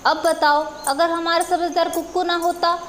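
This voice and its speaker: A stern old village mother-in-law, voiced by a woman, in a children's storybook. She scolds and commands in a very high, thin voice, with a faint hum of ambience behind her. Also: flat delivery, moderate pace, a bit bright. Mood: bossy.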